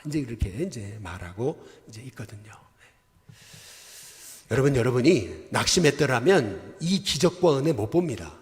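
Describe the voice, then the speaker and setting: A man's voice: medium pitch, big pitch swings, moderate pace. A man, a senior pastor, preaching a sermon in a church and asking his congregation questions. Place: church sanctuary. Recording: long church hall reverb.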